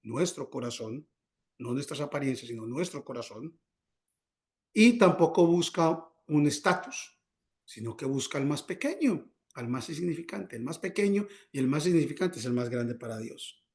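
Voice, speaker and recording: A man's voice: animated, moderate pace, darkish tone. Man preaching with fill-in questions. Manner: call-and-response questions, repeats words when searching; acts out prayers and dialogue in a higher voice. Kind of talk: sermon.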